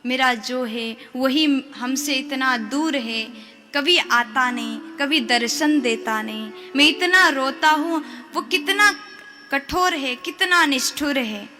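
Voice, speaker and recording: Old blind holy man, crying and pleading, high bright voice, as a lady storyteller puts him on. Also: slow, faint music behind, exaggerated voice. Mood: tearful. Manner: tearful, pleading. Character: old blind male devotee, weeping, gentle.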